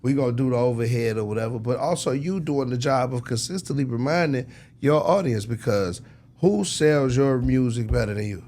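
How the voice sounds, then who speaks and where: With a mid-range, darkish voice and a fairly quick pace, an American music executive offers advice during an interview. He sounds casual yet emphatic and preachy, regularly tossing in tag questions to confirm the listener follows.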